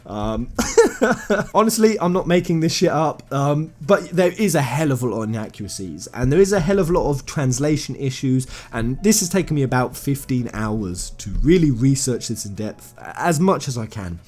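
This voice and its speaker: A man explains video game lore in a casual commentary, speaking to his viewers as "guys" in an emphatic, conversational way. His voice is medium-pitched and darkish, moving at normal speed with big pitch swings.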